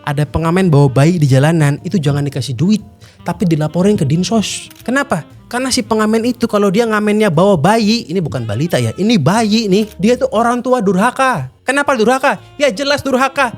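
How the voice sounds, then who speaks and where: A man hosting a casual commentary, blunt and mocking in manner. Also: high voice. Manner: blunt, mocking, animated slang-heavy talk. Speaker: host. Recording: faint music underneath.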